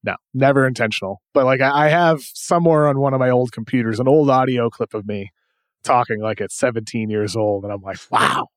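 A man with a light Boston accent hosting a basketball podcast, brisk and upbeat as he steers the talk. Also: mid-range voice, no room sound, studio quality. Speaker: podcast host. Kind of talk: casual basketball chat.

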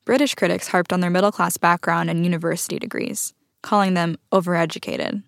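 A woman hosting an interview, reading scripted narration in a measured way and asking questions. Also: lowish voice, steady tone, gravelly, no room sound, clean studio sound. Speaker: host, narrator.

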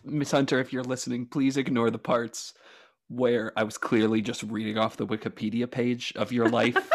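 A podcast co-host with a medium-pitched voice speaks at normal speed with a flat delivery. In this casual comedic chat he jokes in a mock-formal, self-mocking manner and laughs a lot.

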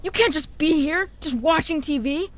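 A woman's voice: sits high, a little hiss or hum, lightly acted. A woman voicing a defiant, anxious young boy who talks back to a villain in an audio drama. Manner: defiant, anxious, quick retorts.

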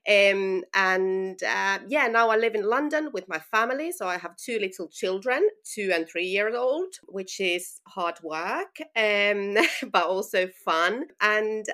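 A woman's voice: medium pitch, animated, takes it slowly, a bit bright. A woman in her thirties from Finland with a Finnish accent, chatting as a podcast guest with frequent "um" and "you know". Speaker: guest, running brand founder. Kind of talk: casual interview conversation.

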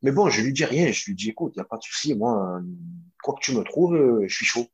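A young man, a former footballer, telling a long story in a casual interview, animated, with lots of fillers and restarts. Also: medium pitch, brisk, breathy edge, dull audio.

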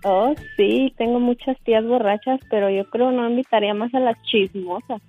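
A woman's voice: on the high side, fairly even intonation, moderate pace. A woman calling in to a show, telling gossip in a chatty way, often laughing and hesitating. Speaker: caller. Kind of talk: storytelling gossip on a phone call. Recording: phone line with faint music behind.

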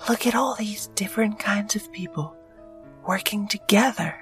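A man voicing an eager little shark boy hero in a read-aloud story, speaking in a high, excited, breathless way. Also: normal speed. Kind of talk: storybook character voice. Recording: voice a bit far from the mic, faint music.

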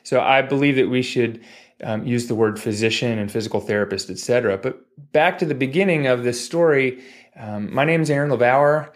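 As a podcast guest, a man in his forties who works as a physical therapist spins casual stories in a fairly quick, medium-pitched voice. He wanders off on tangents and tosses in jokey asides throughout the interview.

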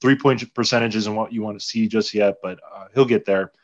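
A man's voice: fairly low pitch, fairly even intonation, fairly quick. A male podcast co-host chatting casually about sports with a hesitant, rambling delivery. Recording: slightly dull, lo-fi audio.

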